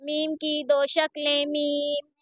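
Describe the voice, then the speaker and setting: A woman's voice: high voice, completely flat delivery, slow, no echo, muffled recording. A woman teaching a Quran reading lesson, patiently reciting letters one by one and explaining how each is pronounced.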